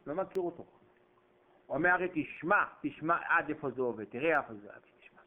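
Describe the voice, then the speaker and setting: A man giving a sermon in dramatic storytelling style, acting out voices with sudden jumps in pitch. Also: lively intonation. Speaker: preacher. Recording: tinny phone-like recording.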